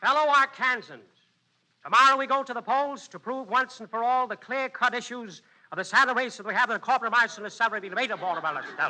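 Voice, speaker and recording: An actor playing a brash fish peddler who turns into a ranting demagogue, in 1940s radio-drama style. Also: male voice, very high-pitched, quick pace, sharp tone, full character voice, low-quality recording. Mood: orating. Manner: hawking, brash and combative. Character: blustering small-town fish peddler turned demagogue, man.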